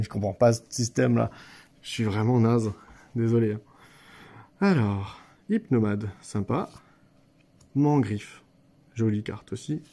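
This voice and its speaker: A man's voice: mid-range voice, a little mellow. A man casually talking viewers through opening card packs, hesitant and repeating his words, with a slight stammer and an accent. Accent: non-standard French accent. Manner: chatty, often addresses viewers directly. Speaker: card-opening channel host. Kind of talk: casual unboxing commentary. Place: office.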